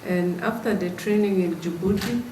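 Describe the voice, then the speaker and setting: A woman from Sudan, a journalist and activist introducing herself at a forum in a slow, measured way. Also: on the low side. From South Sudan. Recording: echoey hall, mic at a distance, background noise.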